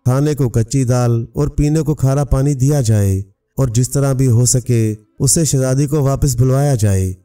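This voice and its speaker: A man's voice: medium pitch, unhurried, mellow, clean tone, lightly acted. A man voicing a stern, proud old king who gives formal orders in a storybook tale. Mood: commanding. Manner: commanding, formal. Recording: distant mic, faint music.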